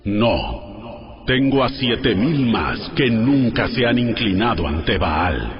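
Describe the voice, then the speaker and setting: An actor playing a commanding, solemn God in a booming, declamatory biblical dramatization. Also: male voice, sing-song, slow. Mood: firm. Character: God, commanding male voice rebuking his people. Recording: dull sound under prominent music. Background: music.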